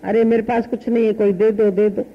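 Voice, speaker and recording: A woman's voice: medium pitch, little pitch movement, fairly quick, muffled recording, natural voice. A woman voicing a sage who has lost himself in worldly life, pleading and lamenting.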